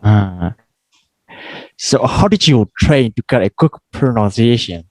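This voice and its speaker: A man who hosts a casual vlog interview, asking brief, halting questions. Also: medium pitch, lively intonation, darkish tone, dry recording.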